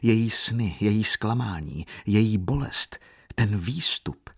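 A man narrating a novel as an audiobook reader, measured and calm. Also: fairly low pitch, husky.

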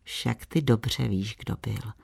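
A man's voice: on the low side, gravelly, darkish tone, husky, full character voice. A man voicing a tender anxious village girl. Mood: reproachful.

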